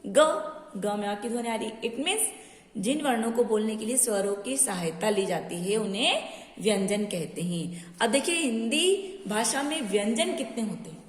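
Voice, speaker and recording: A woman's voice: fairly high pitch, expressive. Teacher woman drilling letters, echoey room. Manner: repeats each definition slowly, drills letters one by one; mixes English words into Hindi. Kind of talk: recorded online grammar lesson. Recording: echoey room with long reverb.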